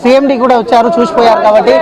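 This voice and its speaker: A man reporting live from the scene, halting and repeating filler words as he questions locals. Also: very high-pitched, steady tone. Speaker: field reporter. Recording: crowd noise behind.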